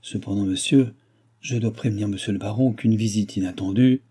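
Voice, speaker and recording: A man's voice: fairly low pitch, steady tone, brisk, warm tone, breathy edge. A man voicing a flustered old male servant with a quavering voice.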